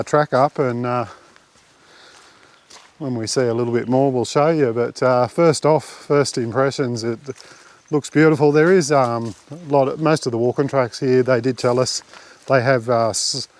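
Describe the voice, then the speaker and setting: An Australian man vlogging outdoors on a bush track, chatting in a relaxed, rambling way with lots of fillers into a handheld camera mic. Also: mid-range voice, moderate pace. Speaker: camping vlogger. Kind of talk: casual walking commentary.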